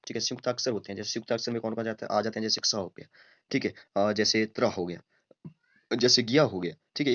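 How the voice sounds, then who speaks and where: A man teaching grammar at a board, talking slowly with many fillers and frequent checks with his students. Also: lowish voice, no echo. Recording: dull lo-fi dry sound.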